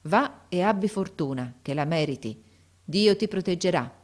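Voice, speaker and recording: Brief: woman reader as a compassionate doctor, solemn, low-voiced. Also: lively intonation, moderate pace, darkish tone.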